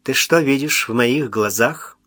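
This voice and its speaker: A commanding old navy admiral, as a male reader plays him, with metal in his voice and dry irony in every order. He stays measured and firm. The recording is dry and close. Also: mid-range voice, a bit bright, husky, no echo. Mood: stern. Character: stern ironic older navy admiral, a man. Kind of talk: audiobook character voice.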